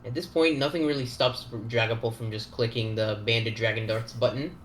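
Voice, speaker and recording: A man co-hosting a gaming league recap, chatty and quick to stammer and laugh. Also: mid-range voice, steady tone, echoey room, a little hiss or hum. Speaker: league co-host and player. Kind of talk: casual recap commentary.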